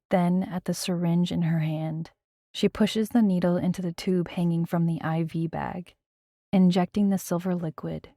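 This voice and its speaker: A woman's voice: on the low side, warm tone, no echo, studio quality. A woman narrating a first-person audiobook in a tense, dramatic storytelling manner.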